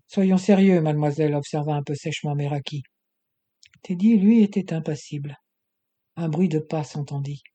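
A male narrator reading an adventure novel aloud in a steady, measured way. His voice is husky with a dark, mellow tone, pitched a little high for a man. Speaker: audiobook narrator. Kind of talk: scripted audiobook narration.

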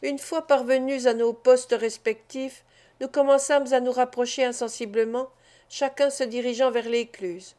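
A woman's voice: on the high side, steady tone, normal speed, dark tone, close to an everyday voice. A woman reading the part of a bold teenage boy recounting a hunt in an audiobook. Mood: proud. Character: bold teenage boy, eldest son, keen hunter.

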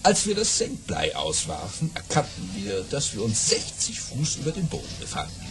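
An actor playing a boastful aristocratic baron in a radio play, telling tall tales dramatically and savoring his pauses. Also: on the low side, wildly swooping pitch. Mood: suspenseful, dramatic. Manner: dramatic, savoring pauses, hushed then exclaiming. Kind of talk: theatrical German radio play storytelling.

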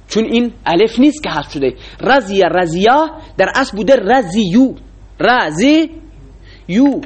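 A man teaching a classroom lecture, explaining rules and quizzing his students with frequent questions. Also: high-pitched.

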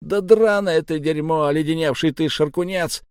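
A man voicing a rough, foul-mouthed sailor who hurls insults and threats, read for an audiobook. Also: a little high, normal speed, no echo, clean studio sound, voice pushed up, natural voice. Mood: scornful. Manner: coarse, insulting, hissing threats.

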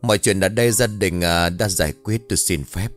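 A man voicing a solemn old Buddhist monk who speaks in a low, calm, admonishing way. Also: a little fast, soft background music, natural voice.

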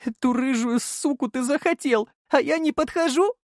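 Man voicing a crying jealous young woman, shrill high pitch, dry audiobook sound. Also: moderate pace, no echo. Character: young woman, jealous tearful fiancée Liza.

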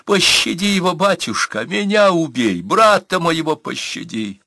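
A man's voice: on the high side, very animated, a little slow, vocal fry, sharp tone, no room sound, clean studio sound, voice pushed up, heavily acted. A man reading an audiobook, voicing a desperate young peasant woman who begs in wailing cries. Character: desperate peasant woman begging for her brother.

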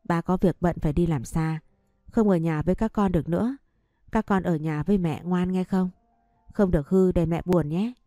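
A regretful young husband and father, put on by a woman storyteller, speaking in a low, mellow tone. His instructions come out gentle and pleading, and the sound is dry and close, with faint music underneath. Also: moderate pace, no echo, natural voice. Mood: tearful.

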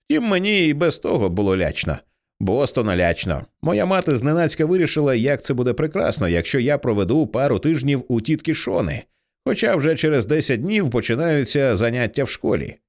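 A man's voice: mid-range voice, big pitch swings, a little fast. A man voicing a sarcastic teenage girl. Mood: wry, anxious. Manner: blunt, sarcastic, swears casually. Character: edgy teenage girl, anxious and sardonic. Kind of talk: audiobook reading.

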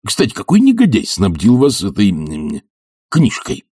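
A man's voice: low voice, expressive, unhurried, gravelly, warm tone, breathy edge, no echo, clean studio sound, full character voice. A man voicing an imperious older professor, lofty and ironic, who bursts into thundering rage, in an audiobook. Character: imperious older male professor, quick to fury. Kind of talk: audiobook character voice.

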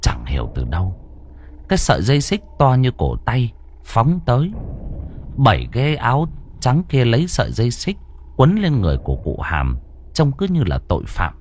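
A man's voice: medium pitch, huge pitch swings, moderate pace, a little mellow. A man narrating a ghost story with dramatic, suspenseful delivery.

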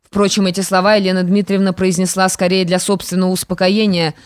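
A woman narrating a classic historical novel in a measured storytelling manner. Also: mid-range voice, little pitch movement, no room sound, clean studio sound. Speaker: audiobook narrator. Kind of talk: scripted narration.

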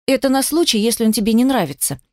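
Storybook granny, old, blunt and level-headed, raised pitch, played by a woman. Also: animated, quick pace, a little mellow, dry recording, studio quality. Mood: pragmatic. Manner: blunt, down-to-earth.

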